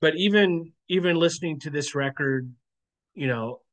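A man appearing as a guest on a podcast in casual chat, thinking aloud and pausing often on "um". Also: a little high, fairly bright tone. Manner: hesitant, thinks aloud with frequent "um"s.

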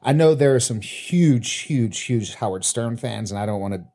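A man in casual podcast chat, rambling and profane, with halting restarts. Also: medium pitch, lively intonation, warm tone. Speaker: podcast co-host.

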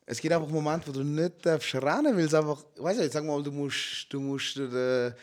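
A young man with a Swiss German accent, a guest on a chat show, telling stories in a loud, animated way and mixing in English words. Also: a little high, moderate pace. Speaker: guest, MMA fighter. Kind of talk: casual chat.

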